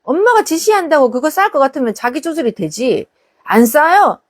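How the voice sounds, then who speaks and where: A woman's voice: high-pitched, big pitch swings, a little fast. A woman, a parenting counselor, answering viewers' questions on a live stream and acting out exchanges between parents and children.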